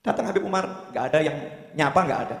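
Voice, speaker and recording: A male preacher speaks quickly and with animated emphasis, his voice sitting a little high. The sound carries a long, roomy reverb, as if recorded in a large prayer hall. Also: vocal fry. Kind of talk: religious lecture with storytelling.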